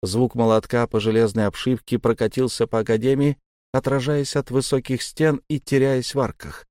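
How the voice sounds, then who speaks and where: A man reads a tense adventure story aloud, his voice dark and mellow in tone. The sound is dry and close, with no room behind it. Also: mid-range voice, flat delivery, normal speed, dry recording. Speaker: audiobook narrator. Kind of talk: dramatic audiobook narration.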